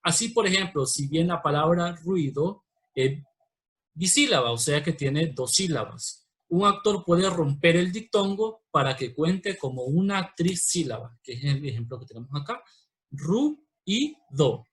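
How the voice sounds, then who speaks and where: A man from Honduras with a Honduran Spanish accent, teaching a recorded virtual class, patient and explanatory, slowing down to spell out examples. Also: on the high side, animated, a bit bright.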